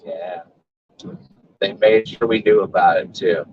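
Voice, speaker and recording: Joking guy cohosting over a call, lowish voice, hissy muffled line. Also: a little slow. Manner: joking, playful. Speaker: co-host. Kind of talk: casual chat. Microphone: video call. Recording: muffled noisy call audio.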